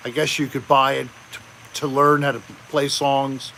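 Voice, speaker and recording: Slow-talking chatty male livestream host. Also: medium pitch, vocal fry, a little hiss or hum, poor audio. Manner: relaxed, chatty, greets viewers by name. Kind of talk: casual live chat.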